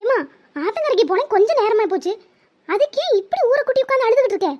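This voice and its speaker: A woman voicing a sweet, devoted young village woman in a cartoon, in a high, soft, girlish voice. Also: expressive, quick pace. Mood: pleading. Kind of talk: cartoon voice acting. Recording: slightly muffled lo-fi audio.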